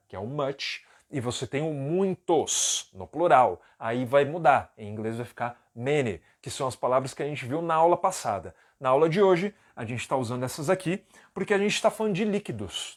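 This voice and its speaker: Man slowly teaching English pronunciation. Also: medium pitch. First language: Portuguese. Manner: slow, drawn-out model pronunciations; patient, explaining step by step. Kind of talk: online English lesson.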